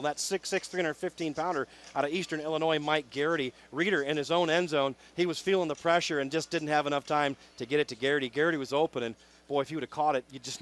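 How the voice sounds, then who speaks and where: A man's voice: fairly high pitch, a bit bright. A man giving color commentary on an arena football game, explaining plays with frequent fillers. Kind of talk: radio sports commentary.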